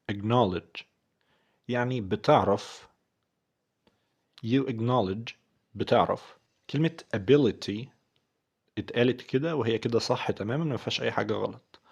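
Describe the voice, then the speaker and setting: A man with an Egyptian Arabic accent teaching English pronunciation, repeating words slowly and carefully for practice. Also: mid-range voice, creaky, slightly rough, dull audio. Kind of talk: language lesson explanation.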